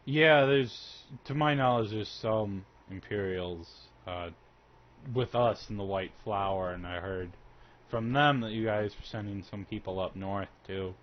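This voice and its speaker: A man narrating and talking in character as a game master in a halting, conversational way, on a dull recording. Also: on the low side. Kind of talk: improvised tabletop game narration and in-character talk. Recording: dull lo-fi sound with faint noise.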